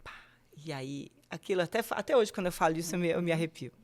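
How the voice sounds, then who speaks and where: A woman, telling her personal story candidly and haltingly, with many fillers. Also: lowish voice, expressive. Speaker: guest sharing her cancer story.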